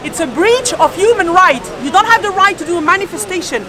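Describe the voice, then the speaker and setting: An indignant woman speaks English into a reporter's mic on a city street during a protest. Her voice sits very high, and she swears often as she presses her point. A protest crowd is clearly heard all around her. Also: expressive, normal speed. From Paris, France. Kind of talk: street interview.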